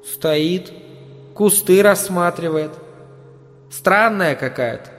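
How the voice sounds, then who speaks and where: A man voicing a demon in the shape of a little blonde girl, with a nasal, brisk manner, in an audiobook. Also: high voice, fairly bright tone, big-room sound, voice pushed up.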